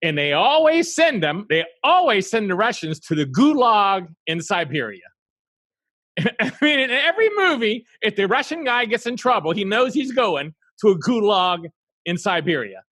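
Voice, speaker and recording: A man from South Carolina hosting a podcast, talking in an animated, rambling way full of asides. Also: high-pitched, normal speed, no echo. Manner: animated and rambling, lots of "you know" asides. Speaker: podcast host. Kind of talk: casual interview chat.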